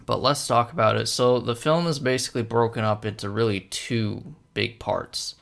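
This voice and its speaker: A man's voice: mid-range voice, fairly even intonation, normal speed, creaky, fairly bright tone. A young man talking casually through a film analysis, rambling with many fillers and hesitations. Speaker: film commentator.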